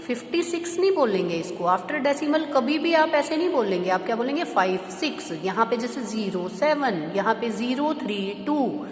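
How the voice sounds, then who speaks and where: A woman's voice: a little high, lively intonation, normal speed, echoey room, long reverb tail, soft background music. A woman maths teacher explaining step by step to young students, patient and asking them questions as she goes. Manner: checks understanding with rhetorical questions. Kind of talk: classroom lesson explaining to students.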